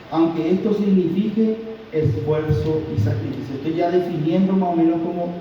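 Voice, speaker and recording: A man with a Paraguayan Spanish accent preaching a sermon as pastor, teaching slowly and deliberately. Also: sits high, slight background noise. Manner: slow, deliberate teaching with pauses. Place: church hall. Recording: distant, dull, very roomy church recording.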